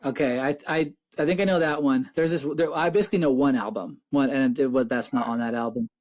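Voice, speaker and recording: A man's voice: mid-range voice, fairly even intonation, fast, darkish tone. A man in his thirties hosting a podcast, talking in a chatty, rambling way with many restarts. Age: 30s. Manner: chatty, rambling, self-interrupting. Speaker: podcast host. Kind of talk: casual interview chat.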